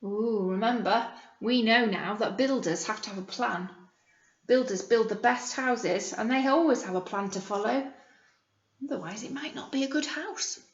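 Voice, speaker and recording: A British primary school teacher with a somewhat high voice reads a picture book aloud to young children, stopping to explain things and ask simple questions. The room is echoey and the audio sounds dull.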